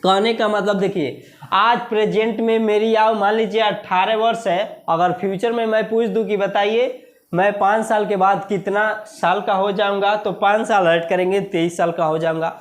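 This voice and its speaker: A man with an Indian accent teaching a maths lesson for exam preparation, repeating key words slowly and asking the class questions. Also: high-pitched, steady tone. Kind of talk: exam-prep video lesson.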